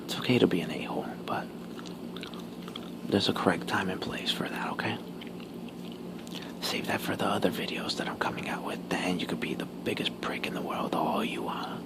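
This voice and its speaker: A man whispering casual ASMR talk while chewing gum, pausing between short, halting phrases. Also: sits low, creaky. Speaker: ASMR video creator.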